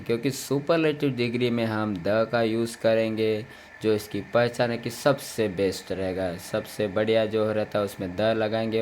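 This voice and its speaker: A man's voice: on the low side, a little mellow, slight background noise. A man teaching English grammar, explaining patiently and repeating each point with translations.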